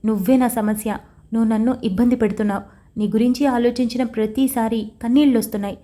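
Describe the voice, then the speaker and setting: A woman's voice: a little high, fairly even intonation, quick pace, warm tone, close to an everyday voice. A woman reading the lines of a torn, tearful young wife in an audio story, emotional and defiant. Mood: tense.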